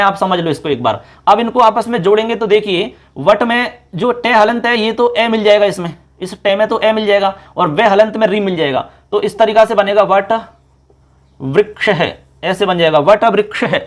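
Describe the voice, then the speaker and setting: A man teaching a class at a board, patiently spelling out each example and repeating it slowly, often checking that the students follow. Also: sits high, fairly bright tone. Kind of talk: classroom lecture.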